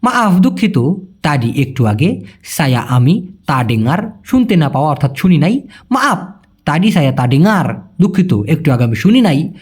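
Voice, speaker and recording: A man with a Bangladeshi Bengali accent teaching vocabulary in a chatty spoken lesson. He repeats words slowly and keeps addressing the listener as brother. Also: fairly high pitch, very animated, darkish tone, breathy edge. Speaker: language teacher.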